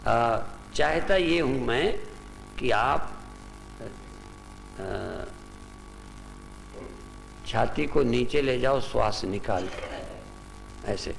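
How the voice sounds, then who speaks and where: A man with a very gravelly, fry-heavy voice leads a gathered group through a breathing exercise. He speaks slowly in short repeated commands through a loudspeaker microphone. His voice carries the long reverb of a large hall, with a faint hiss of noise underneath. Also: mid-range voice, expressive. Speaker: spiritual teacher. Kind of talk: spiritual discourse and guided breathing exercise.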